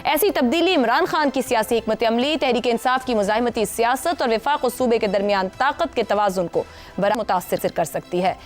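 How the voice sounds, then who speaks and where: Woman news anchor, formal scripted read, slightly high voice, light music under it. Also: moderate pace. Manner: formal scripted delivery, then questioning panelists. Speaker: talk show host. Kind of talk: news talk show anchor.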